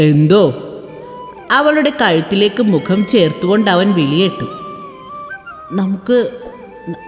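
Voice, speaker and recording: A woman storyteller reading a romantic story aloud in a steady, even scripted narration. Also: on the low side. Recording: echoey room with soft background music.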